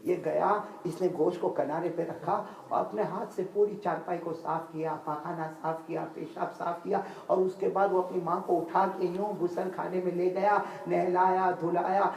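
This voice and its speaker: A man delivers a storytelling sermon in a mosque, shifting between loud bursts and hushed passages. The voice rings through a roomy, echoing prayer hall. A faint ambient noise sits underneath. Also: high voice, level tone, normal speed, creaky, few pauses. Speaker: preacher.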